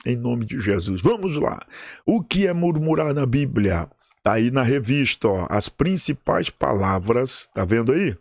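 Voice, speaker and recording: A man's voice: medium pitch, a little mellow, no echo, studio quality. A man, a pastor teaching a Sunday school Bible lesson in an emphatic way, often checking in with his listeners.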